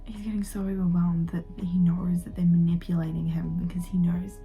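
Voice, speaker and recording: A young woman recording a late-night reading vlog in her bedroom on her phone. She talks in a hushed, often half-whispered voice and gushes emotionally about the book. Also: fairly low pitch, level tone, a little fast, faint music behind, poor audio. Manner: gushing and emotional. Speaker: book vlogger.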